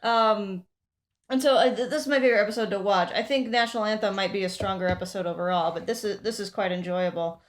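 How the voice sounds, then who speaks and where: A woman's voice: medium pitch, quick pace. A woman co-hosting a podcast in casual chat, agreeable and explaining the plot step by step, with frequent fillers. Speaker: podcast co-host.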